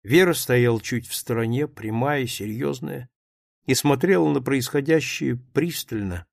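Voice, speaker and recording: A man's voice: medium pitch, a little slow, vocal fry, no room sound, clean studio sound. A man narrating a novel as an audiobook, reading expressively.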